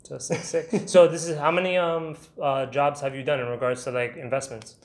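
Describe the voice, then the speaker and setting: A man's voice: fairly high pitch, fairly even intonation, brisk. Host type: upbeat man, casual interviewer talking slang in an empty apartment. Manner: upbeat, conversational, uses slang like "sick". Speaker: podcast host and real estate broker. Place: vacant apartment unit indoors.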